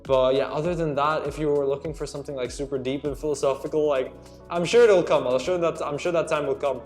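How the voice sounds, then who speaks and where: A man's voice: a little high, fairly even intonation, fast talker, a little mellow, faint music behind. A teenage boy from Slovakia answering viewer questions in a casual vlog, chatty and earnest, calling his viewers guys and dude. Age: teens. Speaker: student YouTuber. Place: at home at night.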